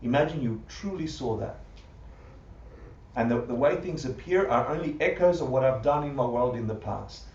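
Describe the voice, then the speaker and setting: A man teaching a Buddhist class live to an audience, animated, full of rhetorical questions and often laughing. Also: mid-range voice, moderate pace. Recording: roomy, distant, muffled livestream audio.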